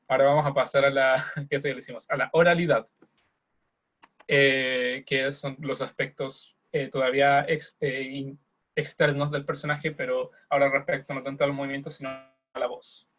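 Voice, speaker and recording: A young man guides a theater workshop in an informal, encouraging way. His voice has a mid pitch and comes through a dull, lo-fi recording. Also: level tone, moderate pace. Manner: encouraging, informal, hesitant restarts. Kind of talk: online workshop talk. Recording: dull lo-fi audio.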